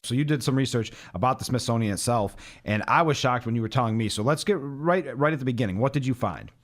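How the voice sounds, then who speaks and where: A man's voice: medium pitch, expressive, quick pace. A man hosting a live radio interview from a studio, conversational and prompting his guest with questions. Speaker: radio talk show host.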